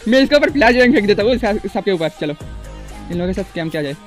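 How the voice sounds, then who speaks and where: Young male gaming streamer, very high pitch, hyper and repetitive, soft music underneath. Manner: excitable, repeats words rapidly. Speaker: gaming YouTuber. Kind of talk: casual gameplay commentary.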